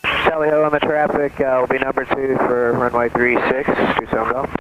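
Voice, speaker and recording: A man pilot's voice comes through an aircraft radio in short, clipped readbacks. He speaks at a middle pitch. Loud hiss and engine noise sit over him, and he sounds far from the mic. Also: steady tone, brisk, highs cut off. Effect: pilot heard over an aircraft radio.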